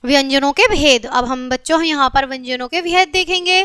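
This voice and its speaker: A woman teaching a grammar lesson to children, explaining step by step, slowly stretching each sound she names and often saying "okay". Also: high-pitched, sharp tone, no room sound, clean studio sound.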